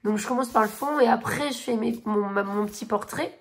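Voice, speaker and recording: A woman's voice: fairly high pitch, a little fast. A woman in her thirties chatting casually in a coloring vlog, gushing and rambling with many fillers and restarts. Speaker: coloring vlogger. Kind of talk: casual chat showing coloring books and finished pages.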